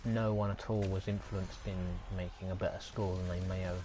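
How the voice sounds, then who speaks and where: A man's voice: low-pitched, flat delivery, fairly quick, background noise. A man chatting sarcastically and swearing while streaming a game. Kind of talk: casual gaming chat.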